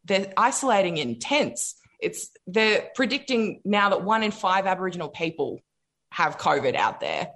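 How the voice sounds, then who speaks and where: A woman's voice: medium pitch, animated, moderate pace, a bit bright. An Australian woman speaking in an impassioned political discussion, emphatic and indignant, repeating phrases for weight.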